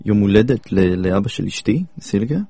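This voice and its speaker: A man chatting casually, halting and correcting himself as he goes. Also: fairly low pitch, vocal fry, dark tone, no room sound. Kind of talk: casual chat.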